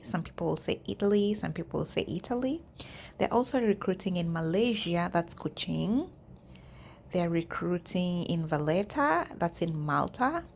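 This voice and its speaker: Chatty woman with a gravelly low voice. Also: a little hiss or hum. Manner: chatty, addresses viewers directly. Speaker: YouTube vlogger. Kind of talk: casual walkthrough of job listings.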